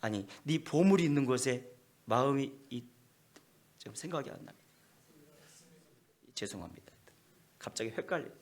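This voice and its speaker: 힘주어 설교하는 남자 목사, 청중에게 "응?" 하고 되묻는 습관, 생동감 있는 억양. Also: male voice, mid-range voice, animated, moderate pace, long pauses, a little mellow. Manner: emphatic, keeps prompting with rhetorical "eh?". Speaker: pastor. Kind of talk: sermon.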